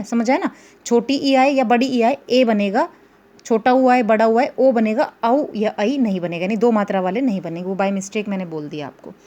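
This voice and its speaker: A woman's voice: a little high, a little mellow. A woman teacher giving a grammar lesson, repeating rules, stretching out examples and asking the class whether they follow. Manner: explains slowly and repeats rules, asks pupils checking questions.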